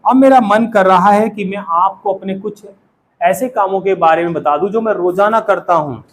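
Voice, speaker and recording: A spoken English class is taught by a man with an Indian accent whose voice sits high and moves at a normal pace. He frequently questions his students and has them echo him.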